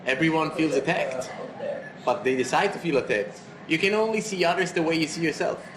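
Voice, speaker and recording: A man's voice: fairly high pitch, brisk, a crowd in the background. A man speaking as a guest in a casual conversation, earnest and philosophical with slightly broken grammar. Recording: roomy and noisy.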